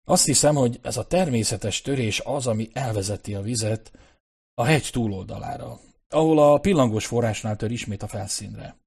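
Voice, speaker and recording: Decisive male expedition leader, read by a man, husky, audiobook. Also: mid-range voice, a little mellow. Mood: explaining. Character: Nicholas, a brisk, resourceful male expedition leader. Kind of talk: audiobook character reading.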